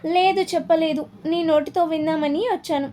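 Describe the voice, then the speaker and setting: A woman's voice: very high voice, steady tone, normal speed, dark tone, slight background noise. A woman voicing a stubborn young husband in a storybook reading, with an emphatic, insistent delivery.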